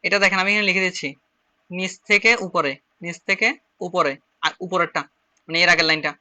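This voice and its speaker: A man with a Chittagong Bengali accent teaches an online shorthand class in a high, very bright voice. He drills each point step by step and says it again and again, so the class can follow. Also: fairly even intonation, fast. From Bangladesh. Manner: repetitive, drilling, step-by-step explaining.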